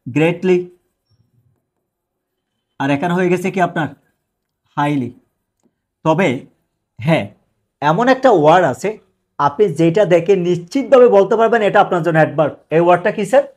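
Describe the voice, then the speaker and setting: Man teaching in a bright pitch. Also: animated, normal speed, pauses often. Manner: asks questions and answers them himself. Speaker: English grammar teacher. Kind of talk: live online class.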